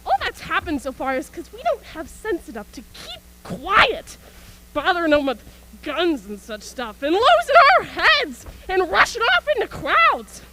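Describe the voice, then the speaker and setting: Heavily acted and very noisy, the clip has a woman with a very high voice whose pitch swoops wildly, though her pace stays measured. She portrays a manic, bitter militia soldier in a stage radio play in a school auxiliary gym, ranting colloquially about surviving an invasion with scornful laughs, her mood scornful and resigned.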